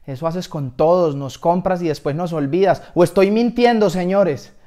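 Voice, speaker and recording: A man voicing an angry male sock who leads a gang, menacing and yelling accusations. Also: a little high, fairly even intonation, moderate pace, natural voice.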